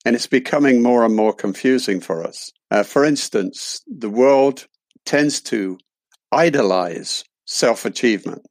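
A man's voice: mid-range voice, expressive, measured pace, a little mellow, no echo. An older man from London with an English accent, explaining reflectively as an interview guest and repeating phrases for emphasis. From London, England. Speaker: podcast guest.

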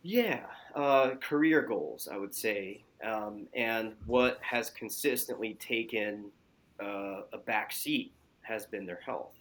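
A man working as a physician, giving measured, explanatory answers as an interview guest. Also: on the low side, a bit bright. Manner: measured, explanatory, frequent fillers.

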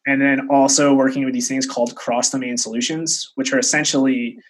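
Male tech guest, thirties, medium pitch with a rough husky edge, chatty anecdotal interview delivery. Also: flat delivery, brisk. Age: 30s. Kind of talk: casual storytelling in an interview.

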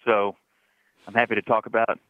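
A man talks as a call-in guest on a radio show, his voice coming through a thin, tinny phone line. He sounds easygoing and agreeable, a little low in pitch, and drops in frequent "uh" fillers. The line is dry and close, with no room sound behind it. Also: level tone, normal speed, no room sound. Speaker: political guest calling in.

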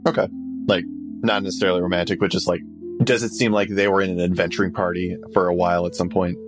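A man's voice: low-pitched, level tone, fast, music in the background. A man playing a tabletop role-playing game, casually chatting and asking questions in and out of character.

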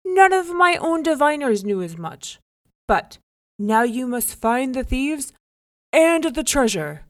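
A woman voicing a commanding king in a folk tale, loud and quick to anger. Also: sing-song, dry recording, studio quality, full character voice. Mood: demanding. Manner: booming, commanding.

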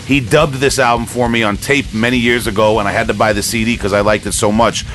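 Music plays under this man's voice as he hosts a casual music podcast, talking in a rambling, fan-like, enthusiastic way. He's fairly low-pitched, steady in tone, a bit bright, and quick.

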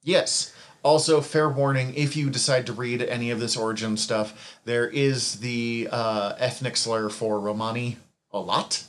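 A man's voice: medium pitch, fairly even intonation, a little slow. Rambling man recapping comics casually. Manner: rambling, self-correcting, chuckles at own asides. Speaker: podcast co-host recapping comics.

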